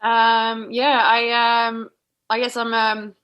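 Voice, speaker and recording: A woman's voice: on the high side, completely flat delivery, slow pace, highs cut off. A woman in her thirties from Sweden, talking in a casual interview with many ums and restarts. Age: 30s. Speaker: guest, boxer.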